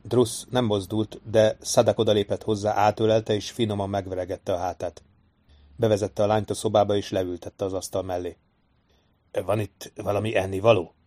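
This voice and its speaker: A man narrating a fantasy novel as an audiobook reader, in an even, unhurried storytelling voice. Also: on the low side. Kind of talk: scripted narration.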